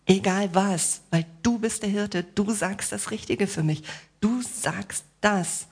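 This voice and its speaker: A woman delivers a sermon straight to her congregation, mixing rhetorical questions, playful asides and gentle reassurance. Her voice sits at a medium pitch, moves slowly and carries a breathy edge.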